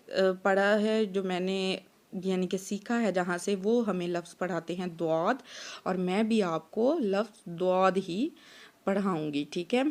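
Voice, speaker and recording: A woman with a Pakistani Urdu accent teaching Quran letter pronunciation step by step, drawing out each sound and often checking with "theek hai?". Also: medium pitch. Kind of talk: slow step-by-step pronunciation lesson.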